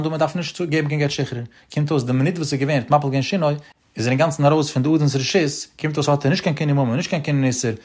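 Fast husky male Talmud teacher. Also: mid-range voice. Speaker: religious text teacher. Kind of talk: rapid Talmud study lecture.

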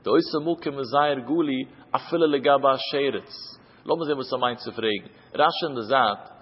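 A man's voice: mid-range voice, normal speed, husky. Man chanting a Talmud lesson, reverberant lo-fi. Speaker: Talmud teacher. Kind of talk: traditional Talmud study lesson. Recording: dull lo-fi with long reverb.

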